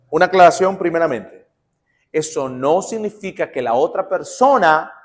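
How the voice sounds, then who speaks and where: Animated high-voiced male pastor preaching. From Nicaragua. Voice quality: lively, swings between loud emphasis and soft asides. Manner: preaching with rhetorical questions and acted-out quotes. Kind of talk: sermon.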